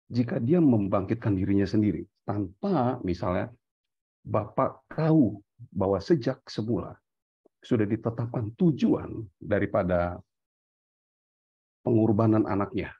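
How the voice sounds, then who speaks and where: Male panelist, low husky voice, hesitant thinking-aloud delivery, dry and dull recording. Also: dry recording. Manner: thinking aloud with many fillers and self-corrections; mixes in English terms. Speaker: discussion panelist. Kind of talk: theological discussion.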